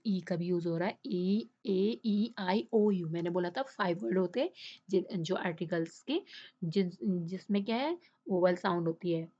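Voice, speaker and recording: A woman teacher explaining a children's English lesson in Hindi, often stopping to ask the class questions and to check with "okay?". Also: mid-range voice. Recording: dull lo-fi sound.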